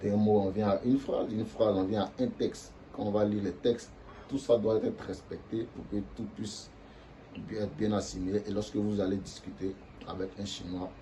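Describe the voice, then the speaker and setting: Male teacher, dark mellow tone, patient explainer who sounds out syllables, faint background hiss. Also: on the low side, flat delivery, normal speed. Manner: demonstrates tones by drawing out syllables. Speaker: language teacher. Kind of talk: explaining lesson to viewers.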